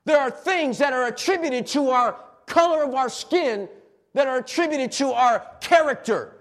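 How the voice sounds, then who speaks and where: A pastor preaching a sermon in a church and calling on the congregation to answer back. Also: male voice, very high-pitched, normal speed. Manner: call-and-response preaching, rising to shouts. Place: church sanctuary.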